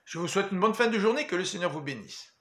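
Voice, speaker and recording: Man, pastor, daily devotional, high voice, echoey room, measured earnest delivery. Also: lively intonation, fairly bright tone. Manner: measured, earnest preaching with emphatic pauses.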